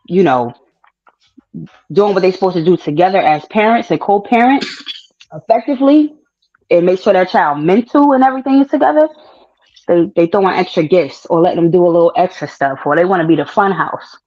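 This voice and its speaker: A woman's voice: on the low side, a little mellow. Frank woman giving advice, dull lo-fi audio. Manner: frank, advising, conversational. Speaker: host. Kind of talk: casual advice chat.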